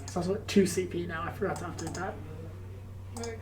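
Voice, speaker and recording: A woman's voice: fairly low pitch, fairly even intonation, moderate pace, a crowd in the background. A woman chatting casually as co-commentator on a tabletop game, muffled by a face mask. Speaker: match co-commentator.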